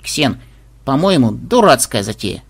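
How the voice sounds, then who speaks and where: A man's voice: mid-range voice, very animated, unhurried, creaky, breathy edge, exaggerated voice. A man voicing a timid, impatient young girl with a whiny, anxious way of talking, in an audiobook. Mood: bored.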